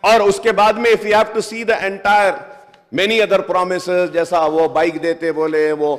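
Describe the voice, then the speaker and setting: A man's voice: high-pitched, little pitch movement, slow. A man speaking in a legislative assembly debate, addressing the chair as sir again and again and switching between Hindi and English. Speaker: member of a state legislative assembly. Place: large legislative assembly chamber. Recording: long reverb of a large hall.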